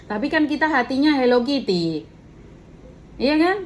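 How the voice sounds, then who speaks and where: A woman's voice: high-pitched, very animated, moderate pace, a little hiss or hum. Firm, lecturing woman. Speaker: domestic worker agent. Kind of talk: scolding phone mediation.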